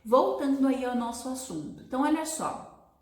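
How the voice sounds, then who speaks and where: A woman teaching a beginners' English lesson, explaining patiently and drawing out her example words slowly. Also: high voice, lively intonation. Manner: checks in with listeners often. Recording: echoey room.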